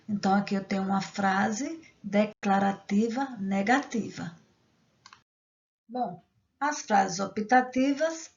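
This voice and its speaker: A woman's voice: medium pitch, vocal fry, darkish tone, muffled recording. A woman teacher explaining grammar step by step, reading example sentences and checking in with the class. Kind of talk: grammar lesson.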